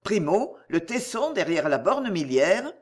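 An audiobook reader narrating a French novel chapter in a measured, expressive way. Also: medium pitch.

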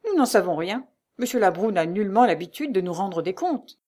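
A woman's voice: medium pitch, expressive, fairly quick, a little mellow, close to an everyday voice. A woman voicing a brusque, rude male concierge who speaks in a dry, bossy tone. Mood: curt. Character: curt, brutal male concierge, middle-aged.

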